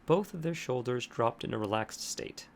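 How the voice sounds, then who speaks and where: A man narrates a horror tale in an even, measured manner. His voice sits in a middle pitch with a gravelly texture, over a faint hiss.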